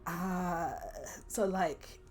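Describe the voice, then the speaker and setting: A woman's voice: lowish voice, level tone, drawn-out words. A young woman streaming a solo tabletop game, reading prompt lists aloud and musing at length with many fillers.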